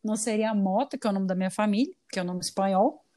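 A woman who is a guest on a podcast, ranting in a lively, profane, casual way. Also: medium pitch, quick pace. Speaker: guest artist and English teacher.

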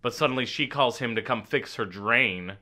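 A man's voice: mid-range voice, normal speed, pushed and bright. A man casually discussing a movie with a friend, joking, teasing and laughing often.

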